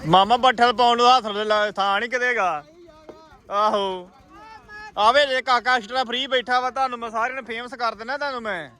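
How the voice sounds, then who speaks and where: A man doing casual vlog commentary outdoors, with hearty, loud banter as he teases and urges on a group of workers. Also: very high voice, steady tone, a little fast, slight background noise. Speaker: vlogger. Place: outdoors at a riverside sand-loading site with tractors.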